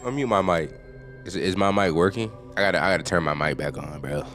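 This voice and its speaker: A man giving casual, slangy gameplay commentary, reacting out loud in an animated way. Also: low-pitched, fairly quick, soft background music. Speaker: gaming video creator.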